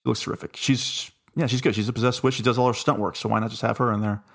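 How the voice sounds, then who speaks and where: A man's voice: mid-range voice, fairly even intonation, quick pace, gravelly. A man hosting a casual film discussion, talking in an enthusiastic, jokey way. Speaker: podcast host.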